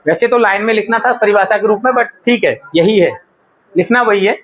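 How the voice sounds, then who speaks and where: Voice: mid-range voice, brisk. A teacher explaining a lesson step by step and checking often that the class follows.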